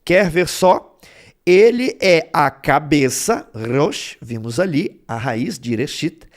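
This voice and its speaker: Slow, lively-voiced male Bible teacher. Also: sits high. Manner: explains word roots step by step, checking in with "tá bom?" and "né?". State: throat bothering him. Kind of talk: explanatory Bible lesson.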